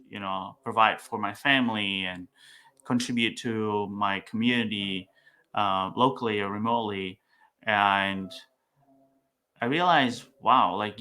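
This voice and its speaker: Speaking as a podcast guest in casual interview talk, a young man from Vietnam who founded a startup uses lots of fillers and restarts. He has a lowish voice that sounds bright and forceful.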